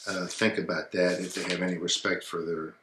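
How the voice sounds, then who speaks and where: Man, low voice, bright tone, relaxed advice chat, echoey room. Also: fairly quick, a little hiss or hum. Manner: relaxed, trails off quietly, many fillers. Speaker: co-host of an advice show. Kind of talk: casual advice chat and reading a viewer email.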